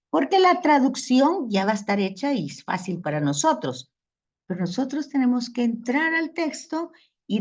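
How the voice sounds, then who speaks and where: A woman's voice: fairly high pitch, darkish tone, muffled recording. A woman teaching a theology class, explaining step by step and often asking "right?" to check that students follow. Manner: explanatory, repeats "¿verdad?" to check understanding; self-correcting, with restarts. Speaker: theology lecturer. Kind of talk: classroom lecture.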